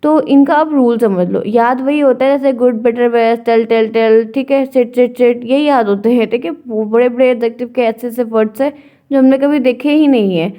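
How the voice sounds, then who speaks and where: Tired-voiced woman teaching slowly. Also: fairly high pitch, dull audio. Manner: slow, patient explaining with frequent check-ins. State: tired, strained throat. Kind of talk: exam-prep lesson.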